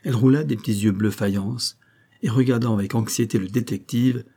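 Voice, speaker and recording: A man narrating a novel as an audiobook in a steady, deliberate reading style. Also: medium pitch, creaky, breathy edge.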